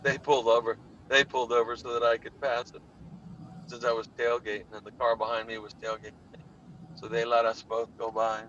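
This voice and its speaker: A man's voice: mid-range voice, little pitch movement, fairly quick, a bit bright, muffled recording, slight background noise. A man in a car chatting casually over a video conference call, laid-back and drawling, often calling his listener "man". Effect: heard over a video conference call. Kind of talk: casual chat on a call while driving. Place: in a car on the road.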